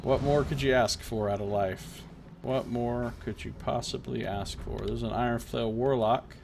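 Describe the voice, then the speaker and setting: A man's voice: mid-range voice, steady tone, moderate pace, creaky, background noise. A man streaming a video game with casual live commentary and wry asides.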